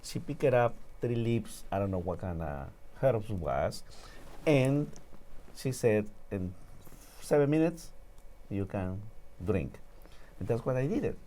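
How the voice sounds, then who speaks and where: A man's voice: lowish voice, lively intonation, slow pace, long pauses, mellow. A man from Peru with a Peruvian Spanish accent, telling a personal story earnestly as a talk show guest.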